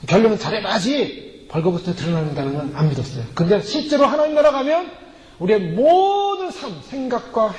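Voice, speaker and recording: A man's voice: high-pitched, big pitch swings, fairly quick, crowd noise. A male pastor preaching a sermon emphatically, acting out prayers and quoted voices, recorded in a church sanctuary. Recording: echoey hall reverb, faint ambience.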